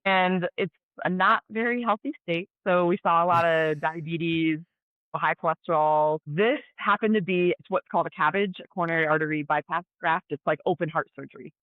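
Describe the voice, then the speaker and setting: A woman's voice: lowish voice, fairly quick, few pauses, no room sound. This is a woman from Colorado in her thirties, a nurse and athlete chatting as a guest. She tells her stories animatedly and keeps the words coming. Her voice arrives through a narrow, tinny line with no room sound. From Colorado, USA. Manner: animated, chatty storyteller with many "like" fillers. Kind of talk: casual storytelling interview. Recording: tinny phone-like dry audio.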